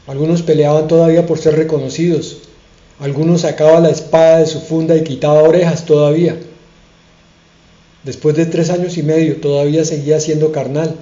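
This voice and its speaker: A man preaching a sermon as a pastor, earnest and emphatic, slowing down and pausing to stress his points. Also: a little high, dark tone. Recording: echoey room, dull sound.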